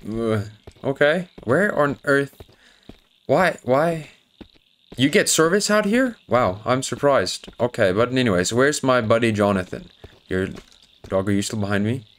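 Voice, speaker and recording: A man's voice: medium pitch, a little slow. A man playing a horror game, joking nervously and chatting to his in-game dog as he goes. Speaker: gaming YouTuber. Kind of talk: horror game let's play commentary.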